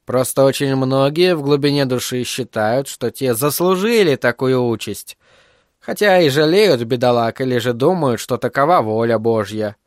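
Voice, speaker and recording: A man's voice: medium pitch, no room sound, studio quality, natural voice. A man voicing a thoughtful, guarded adult woman journalist in an audiobook. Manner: measured, thoughtful.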